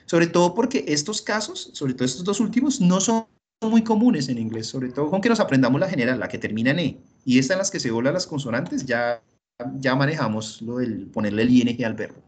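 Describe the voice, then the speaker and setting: Patient, husky-voiced male teacher. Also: medium pitch, animated, fairly quick. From Colombia. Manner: patient, repeats rules step by step, often asks "¿listo?". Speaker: English teacher. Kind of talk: recorded online English lesson.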